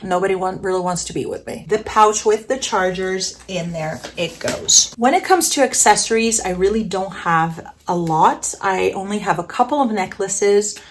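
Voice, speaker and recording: A woman's voice: mid-range voice, moderate pace, hardly any pauses, slight background noise. A woman narrating a casual packing vlog in a chatty, enthusiastic way, with playful self-aware humor. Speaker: vlogger.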